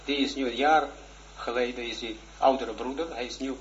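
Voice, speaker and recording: A man in his forties, a religious teacher, giving a shy, earnest personal testimony in a lesson, halting and full of restarts. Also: mid-range voice, fairly even intonation. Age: 40s. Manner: halting, hesitant, with many restarts. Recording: dull lo-fi recording with faint noise.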